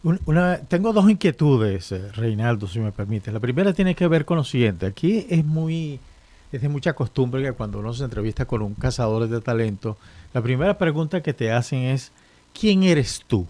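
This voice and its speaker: Halting man co-interviewer. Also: medium pitch, lively intonation, dark tone. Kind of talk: casual interview question.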